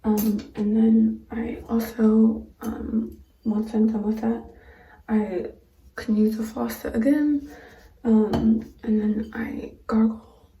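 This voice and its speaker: Female vlogger, casual and halting, slightly high but monotone, recorded in an echoey room. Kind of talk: casual vlog to camera, explaining a routine. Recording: roomy echo, distant microphone.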